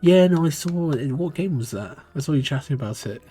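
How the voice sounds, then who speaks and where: This voice is a man's, on the high side, animated and brisk with a dark tone. Soft music sits in the background while he provides live-stream commentary on a speedrun, chatting and musing aloud in a British accent that drifts across regions.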